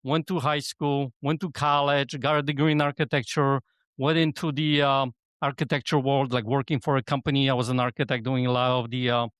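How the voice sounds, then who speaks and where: A man's voice: mid-range voice, flat delivery, fairly quick, a bit bright, clear, resonant tone, no room sound. A middle-aged man from Poland, a podcast guest and business coach, talking casually and rambling with lots of "you know what I mean". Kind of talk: casual conversation.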